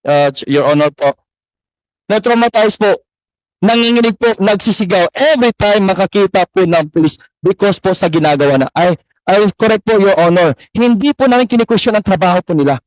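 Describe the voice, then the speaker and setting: Isang lalaking ministro ng simbahan na taimtim, mapilit at magalang na nagpapatotoo sa isang pagdinig. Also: male voice, high voice, animated, a little fast, no room sound, low-quality recording. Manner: earnest, insistent, very polite. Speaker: church minister testifying at a hearing. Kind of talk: formal testimony. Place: hearing room.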